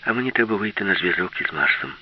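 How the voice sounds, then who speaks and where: A man doing a gentle, practical woman. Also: sits low, expressive, fast, recorded from a distance, lo-fi sound. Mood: concerned. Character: caring grown woman on a spaceship crew.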